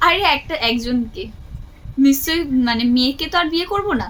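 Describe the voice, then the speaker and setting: A young adult woman vlogger makes a prank call, chatting casually but insistently with a friend on the phone. Her voice is high, fairly bright and lively in intonation, a little fast, with faint background noise behind her.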